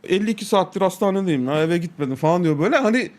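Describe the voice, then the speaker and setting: A man's voice: high voice, animated, rapid-fire. A man streaming, telling a crude, profane story in casual chat, laughing often and quoting people with repeated "he said".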